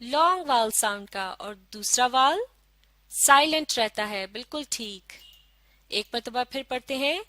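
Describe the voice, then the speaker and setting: A woman teaching a phonics lesson, sounding out letters slowly and asking questions for children to answer. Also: a little high, lively intonation, pushed and bright, dry recording. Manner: slow, drawn-out sounding of letters with call-and-response questions.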